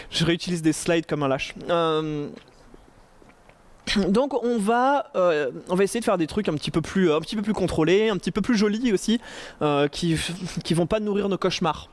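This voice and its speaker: A man with a high voice presents at a conference in front of an audience. His delivery is loose and chatty, with jokes, fillers and self-corrections. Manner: chatty, joking, many fillers and restarts. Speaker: conference speaker. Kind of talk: casual tech talk with slides. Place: conference room before an audience.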